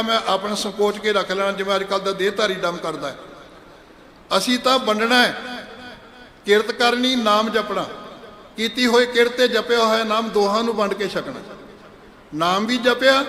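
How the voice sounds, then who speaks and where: A man preaching a sermon in a large gurdwara hall. He chants scripture verses slowly and then explains them in conversational speech. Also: high voice, pushed and bright. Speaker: Sikh preacher giving katha. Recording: echoey hall with long reverb.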